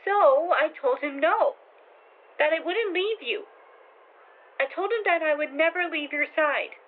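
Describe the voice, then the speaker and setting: A woman's voice: sits high, animated. An actress playing an earnest, anxious teenage girl in an audio drama. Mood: nervous, pleading. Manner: halting, earnest. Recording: thin phone-like lo-fi sound.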